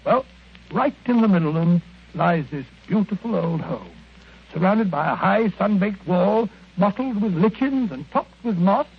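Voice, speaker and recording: An actor playing a genial, bumbling British gentleman doctor in old radio drama style, eager, hesitant and blustering. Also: high voice, expressive, moderate pace, slightly rough, heavily acted. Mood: cheerful, eager. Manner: hesitant, blustering, chuckling storyteller. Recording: very muffled vintage radio recording.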